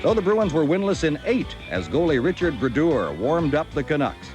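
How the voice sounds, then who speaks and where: An American man working as a sports announcer, narrating scripted hockey highlights and commentary. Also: sing-song, moderate pace, over music.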